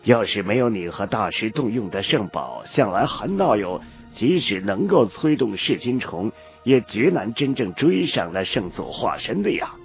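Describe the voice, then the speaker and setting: A man voicing a silver-haired old male sect elder who speaks in a measured, modest way. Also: fairly low pitch, big pitch swings, creaky. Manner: measured, humble then stern. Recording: lo-fi with faint music.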